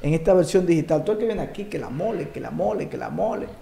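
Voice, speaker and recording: A middle-aged man hosting a studio interview, animated and emphatic. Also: fairly high pitch, fast, gravelly, crowd noise. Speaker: host. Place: podcast studio. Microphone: desk mic on boom arm. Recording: roomy studio sound.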